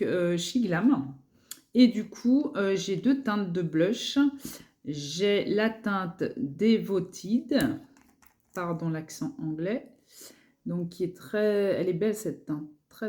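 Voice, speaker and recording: A woman's voice: mid-range voice, darkish tone. A woman beauty vlogger chatting casually through her makeup collection, hesitant, with many fillers and repeated words.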